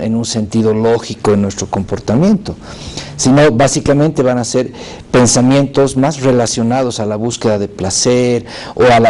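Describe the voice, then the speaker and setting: A man's voice: medium pitch, mellow. A man speaking as a talk show guest, explaining ideas patiently and checking in with the listener.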